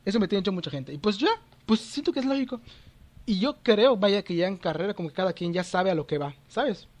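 High-voiced Mexican guy full of slang. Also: animated, a little mellow. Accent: Mexican Spanish. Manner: slangy, quick short interjections. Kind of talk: casual chat.

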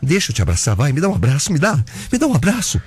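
A man's voice: fairly high pitch, huge pitch swings, rapid-fire, breathy edge, dry recording, soft background music, exaggerated voice. An actor playing an obsessive, clingy young man who stalks his ex-girlfriend, in a Brazilian radio drama, smothering and falsely sweet. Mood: pleading.

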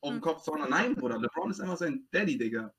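A man's voice: on the high side, lively intonation, fast talker, a bit bright, slightly rough. A young man chatting casually in slang, making emphatic, exaggerated points about sport. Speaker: podcast panelist.

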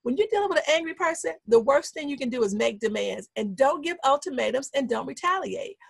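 A woman giving an instructional talk, setting out numbered steps in a steady coaching tone and repeating the key points for emphasis. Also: sits high, brisk, gravelly, no echo. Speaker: speaker teaching anger management.

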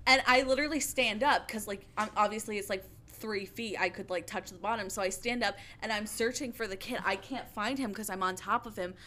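A young woman chatting casually, telling an animated story full of "like.". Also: medium pitch, a little fast, hardly any pauses, a little hiss or hum. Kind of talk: casual chat.

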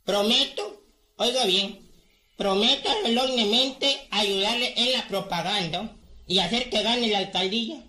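Comic village mayor, folksy and soothing, high sharp voice, roomy sound. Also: male voice, a little slow, heavily acted. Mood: placating. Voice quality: high, bright voice with rustic slang. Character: folksy male village mayor, jovial and placating. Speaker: small-town mayor. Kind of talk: radio comedy sketch acting.

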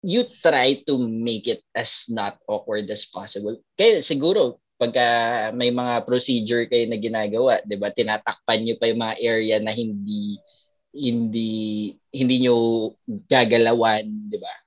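A doctor who hosts a podcast tells funny hospital stories in a relaxed chat, laughing often and animatedly acting out the voices of the people involved. His voice is medium in pitch and measured in pace, and the recording has its highs cut off.

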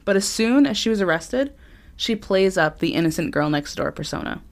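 A woman's voice: mid-range voice, animated, normal speed. A young woman co-hosting a podcast, telling a story in casual chat, laughing often and acting out quotes. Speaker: podcast co-host.

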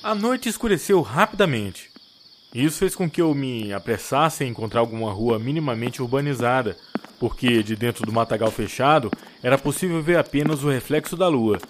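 A man narrating an audiobook in a steady, unhurried storytelling voice. His pitch sits in the middle range. A faint noise runs under the recording. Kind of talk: scripted narration.

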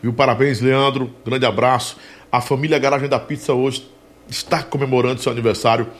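A man's voice: mid-range voice, fairly even intonation, brisk. A man hosting a podcast in a chatty, joking way and reading sponsor plugs. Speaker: podcast host. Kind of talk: casual podcast chat.

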